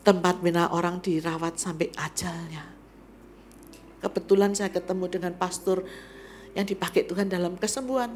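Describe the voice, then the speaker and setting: A middle-aged woman evangelist preaching a sermon to a church congregation. She swings from loud exclamations to hushed whispers. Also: lowish voice, fairly even intonation, normal speed, a little hiss or hum. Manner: often addresses the congregation as "saudara". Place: church service.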